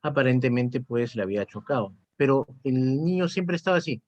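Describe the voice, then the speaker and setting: A man's voice: mid-range voice, lively intonation, a little fast, a little mellow, dry recording, highs cut off. A man, a psychotherapist chatting reflectively and often tagging his sentences with "¿no?". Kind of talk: casual conversation.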